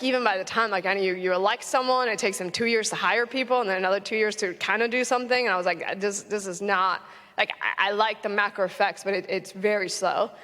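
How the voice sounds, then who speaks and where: A woman's voice: medium pitch, fairly bright tone. A young adult woman from Florida, a venture investor speaking earnestly on a conference panel with frequent "um"s and restarts. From United States (Orlando, Florida). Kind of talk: conversational panel talk. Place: conference stage in a large hall. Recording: long hall reverb.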